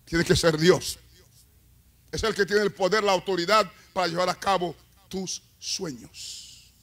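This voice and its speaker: A man preaches a sermon in a high, ringing voice. He tells stories quietly, then builds to loud, shouted peaks. He calls for the congregation to repeat after him. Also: steady tone, unhurried. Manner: preaching with rising, shouted climaxes and call-and-response. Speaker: evangelist. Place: church.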